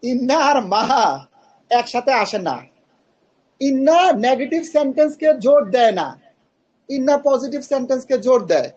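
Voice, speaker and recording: Male grammar teacher, high pitched, patient and questioning, muffled online-class sound. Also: animated, moderate pace, pauses often, darkish tone. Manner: patient, questioning students, mixes English terms.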